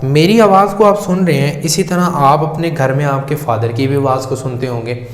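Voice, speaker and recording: A man's voice: mid-range voice, a little mellow. A man teaching a physics lesson in speech, patiently explaining with everyday examples and calling his students 'beta', recorded at night in his room. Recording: echoey room with long reverb.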